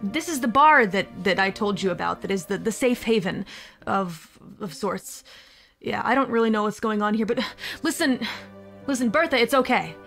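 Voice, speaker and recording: A woman's voice: mid-range voice, expressive, normal speed, creaky, fairly bright tone. A woman voicing a flustered male bar janitor who stammers and hesitates, with faint music behind.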